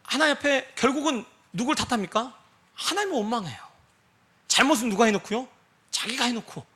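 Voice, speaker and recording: A man's voice: very high voice, expressive, a little fast, pushed and bright, husky. A man preaching a sermon, who keeps putting rhetorical questions to his congregation and acts out the voices he quotes. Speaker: pastor.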